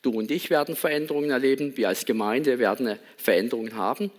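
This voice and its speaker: A man's voice: mid-range voice, fast. A man giving a sermon in a reflective manner, asking many rhetorical questions and reading a Bible passage. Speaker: pastor.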